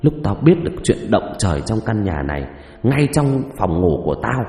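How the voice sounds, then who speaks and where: A man narrating a first-person ghost story in an expressive, dramatic way, with roomy reverb and music behind. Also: on the low side, moderate pace.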